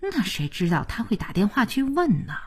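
A woman's voice: mid-range voice, huge pitch swings, a little slow, slightly rough, heavily acted. A woman doing an earnest, defensive young woman. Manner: pleading, defensive.

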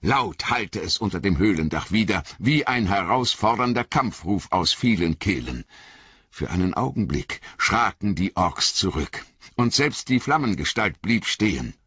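Male audiobook narrator, measured dramatic reading, lively pitch, bright tone, dull recording. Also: husky, no echo. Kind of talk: scripted fantasy narration.

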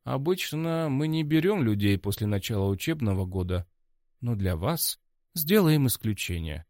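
A man's voice: mid-range voice, sing-song, normal speed, no echo, clean studio sound, close to an everyday voice. A man voicing a pompous, gloomy male academy director who speaks coldly. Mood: formal. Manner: stern and cold, then yelling.

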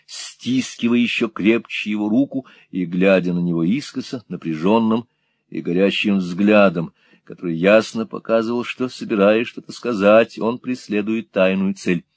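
A man narrating a classic novel as an audiobook with expressive, dramatic storytelling. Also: fairly low pitch, moderate pace, no room sound.

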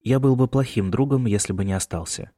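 A man's voice: medium pitch, a little fast, mellow, no room sound, clean studio sound, pitched above the performer's own voice, lightly acted. A male narrator voicing a polite, reserved young man visiting a friend in an audiobook. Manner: polite and restrained.

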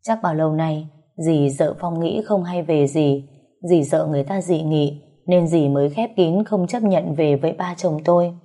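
A woman narrating a first-person story with lively, wry asides. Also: sits low, moderate pace.

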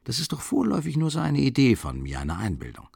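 An actor voicing a shrewd middle-aged investigator who speaks in a calm, insistent half-whisper. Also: male voice, mid-range voice, quick pace, vocal fry, husky, no room sound, clean studio sound, pitched above the performer's own voice, exaggerated voice. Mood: calm, persuasive.

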